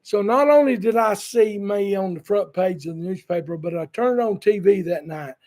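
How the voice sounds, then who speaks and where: A man's voice: high-pitched, moderate pace, a little mellow. A man preaching a sermon, telling folksy stories with humorous asides. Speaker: pastor. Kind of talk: sermon with storytelling.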